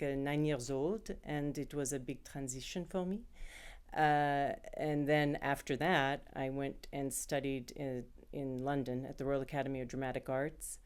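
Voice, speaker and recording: Very deep-voiced chatty woman storyteller. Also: a little mellow. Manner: chatty storyteller, breaks into playful imitated accents. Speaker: voice actor being interviewed. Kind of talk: conversational interview answers.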